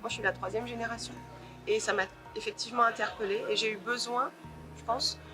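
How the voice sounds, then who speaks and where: A woman novelist answering interview questions in a thoughtful way, pausing often to search for her words. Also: a little high, fairly even intonation, music in the background.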